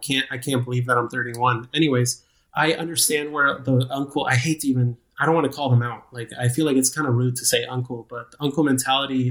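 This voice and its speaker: A man's voice: medium pitch, a bit bright. A man in his thirties talks as a podcast guest, loose and conversational. He rambles and restarts often, poking fun at himself along the way. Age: 30s. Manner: rambling, self-deprecating, frequent restarts. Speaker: guest, nonprofit program manager. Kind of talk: casual interview chat.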